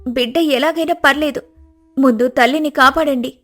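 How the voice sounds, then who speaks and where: A woman voicing a fierce, protective older sister in an animated storybook, speaking forcefully and urgently. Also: high voice, normal speed.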